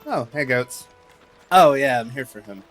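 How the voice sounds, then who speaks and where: A man's voice: medium pitch, a little slow, a bit bright. A man streaming a video game, chatting casually and joking as he plays. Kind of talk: casual gameplay commentary. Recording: voice over game music.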